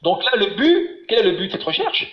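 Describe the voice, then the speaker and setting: Man, patient Hebrew teacher on a webinar, slightly high voice, dull echoey call audio. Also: sing-song, brisk. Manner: patient, encouraging, explains step by step. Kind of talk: online class, teaching.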